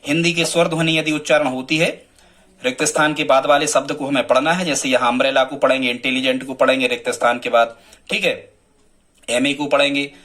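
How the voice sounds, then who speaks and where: A man teaching a grammar lesson, calling on his students and answering his own questions, and reading example sentences slowly. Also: mid-range voice, fairly even intonation, pushed and bright. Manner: reads English example sentences slowly and carefully.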